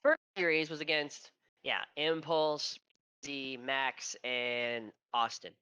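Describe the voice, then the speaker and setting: A man co-hosts a casual esports podcast, telling stories in a rambling, profane way, his voice nasal and stuffy from allergies. He speaks slowly at a medium pitch with a level, sharp, clean tone and no echo.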